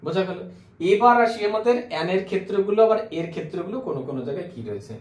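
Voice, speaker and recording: A man teaching an English grammar lesson who keeps asking the class questions and then answers them himself, slowing down to spell out and repeat words. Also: high voice, animated, reverberant.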